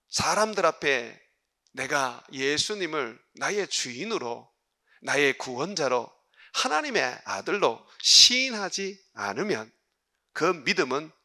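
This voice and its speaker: A man's voice: on the high side, pushed and bright. A man preaching a sermon as pastor, asking the congregation emphatic rhetorical questions and voicing quoted speech in vivid asides. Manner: quotes others' words in dramatic asides.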